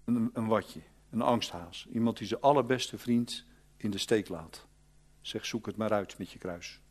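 A male preacher, giving an animated storytelling sermon that swings from loud to hushed. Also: on the low side, unhurried.

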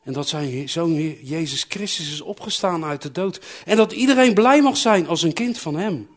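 Animated man telling a children's sermon. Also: a little high, moderate pace. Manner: animated, acts out characters' voices and calls, asks the listeners questions. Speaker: preacher telling a Bible story to children.

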